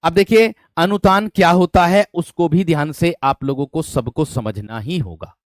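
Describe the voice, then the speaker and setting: A male teacher runs an online exam-prep class, calling students "my friend," repeating questions to drill them, and asking for thumbs up. His voice is on the high side, his speed normal, and there is no room sound.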